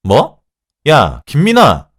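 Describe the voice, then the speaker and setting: A man's voice: mid-range voice, wildly swooping pitch, drawn-out words, fairly bright tone, husky, pitched above the performer's own voice, full character voice. A man voicing an arrogant woman who mocks and sneers at everyone, in a radio drama reading. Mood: shrieking. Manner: mocking, sarcastic.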